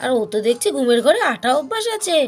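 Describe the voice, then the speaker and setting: A woman's voice: sits high, very animated, quick pace, darkish tone. A woman narrating a children's doll cartoon, chattily addressing the audience as friends. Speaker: storyteller.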